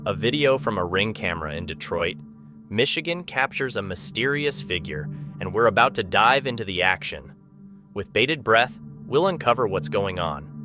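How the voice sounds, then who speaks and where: A man with a fairly low voice delivers dramatic scripted narration. Music plays clearly behind him. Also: very animated, normal speed.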